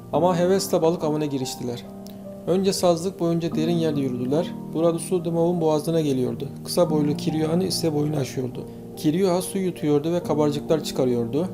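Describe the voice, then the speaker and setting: A man narrating an audiobook in a steady storytelling manner. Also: a little high. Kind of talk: scripted narration. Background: faint guitar music.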